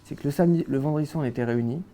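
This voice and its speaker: A man's voice: fairly high pitch, rapid-fire, crowd noise. A young man from France, a guest in a casual interview, recounting his childhood with many hesitations and restarts.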